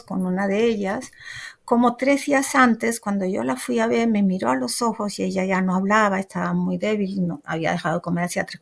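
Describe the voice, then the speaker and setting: Middle-aged female therapist guest, gravelly edge, animated storyteller. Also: medium pitch. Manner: expressive storyteller, many restarts, acts out quoted speech. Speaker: psychotherapist guest. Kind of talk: conversational interview.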